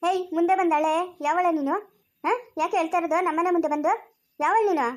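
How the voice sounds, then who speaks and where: Woman voicing a mother-in-law, older, bossy, scolding, quick, high. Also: steady tone. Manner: scolding, repeated questions.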